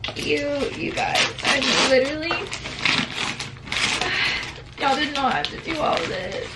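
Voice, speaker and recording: A woman's voice: high voice, little pitch movement, normal speed. A nineteen-year-old woman vlogging as she opens gifts, teary and gushing, filling her talk with "like" and "literally". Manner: gushing, tearful, says "like" and "literally" often. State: teary, on the verge of crying. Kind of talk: emotional unboxing vlog. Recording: distant mic with loud background noise.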